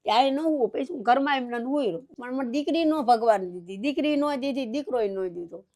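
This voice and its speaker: A woman's voice: sits high, brisk, darkish tone. An older woman with a rural Saurashtra Gujarati accent, crying as she tells her story in an interview and repeating that she doesn't know what to do. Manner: grieving, repeats "what can I do?". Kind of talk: tearful personal account.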